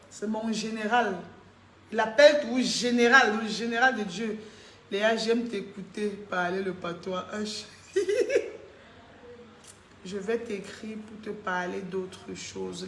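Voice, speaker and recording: Give me a woman, animated and laughing, chatting live in a roomy, echoing space. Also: medium pitch, slight background noise. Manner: animated, laughs often, answers viewers directly. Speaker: live streamer reading comments. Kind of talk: casual live chat.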